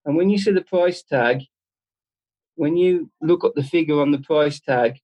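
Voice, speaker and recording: A man giving an informal devotional talk at a church service, speaking earnestly and conversationally with halting restarts. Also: a little high, a little mellow, rough recording.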